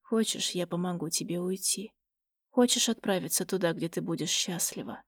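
Woman reading a raspy, creaky, whispery tempter of death, dry close sound. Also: fairly low pitch, moderate pace, no echo. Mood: insidious.

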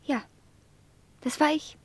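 An actress playing an impulsive, ardent young merchant's daughter in a 1950s German radio play, often speaking in a breathy half-whisper. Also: female voice, slow, a little mellow, close to an everyday voice. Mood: tender.

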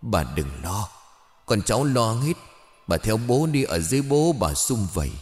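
A grieving son speaks gently through tears, as a man puts him on. His low voice is soft and tearful. It is read aloud as a ghost story. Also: big pitch swings, normal speed, in a large hall. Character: grieving middle-aged son.

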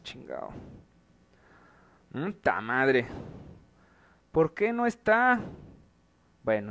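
Unhurried Mexican man, wry and exasperated. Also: mid-range voice. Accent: Mexican Spanish. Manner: exasperated, wry, swears freely. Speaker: host of an online show. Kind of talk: casual live commentary.

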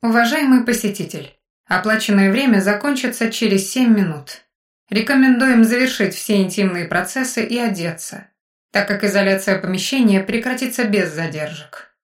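A woman's voice: medium pitch, moderate pace, reverberant, distant mic, lightly acted. A woman reading out a formal automated notice from a game system in an audiobook. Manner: formal, announcement-like.

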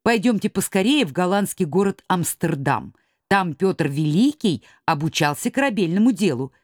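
A woman's voice: fairly low pitch, lively intonation, moderate pace, no echo, studio quality. A woman voicing a capricious tiny male elf who is fussy, whiny and easily bored, in a storybook reading. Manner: whiny, sulky.

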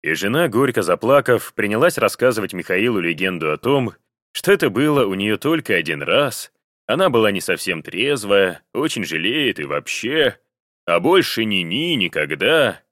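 A man narrates a novel in a measured, even audiobook reading. His voice sits very low, and the recording is dry and close with no room sound. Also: no echo. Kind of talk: storybook narration.

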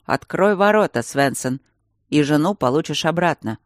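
A man voicing a menacing middle-aged rebel lord who barks threats in a loud, raised voice. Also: fairly high pitch, lively intonation, normal speed, no echo, clean studio sound, lightly acted. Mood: threatening. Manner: barking, threatening.

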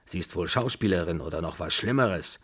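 A man voicing an imperious, quick-tempered old grandmother in a radio drama reading, scolding and giving orders. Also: low voice, lively intonation, a bit bright, breathy edge, full character voice. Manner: scolding, commanding, abrupt.

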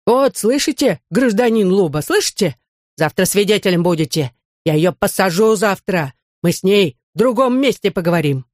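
A woman's voice: mid-range voice, lively intonation, normal speed, no echo, clean studio sound, lightly acted. A woman reading an audiobook, voicing a furious coarse old man, a former convoy guard, who bellows threats. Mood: raging.

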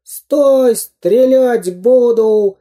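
Reading a storybook, a man gives full character voice to a sneaky male spy villain, shrieking, shrill and taunting. He draws his words out in a screeching, dark-toned performance.

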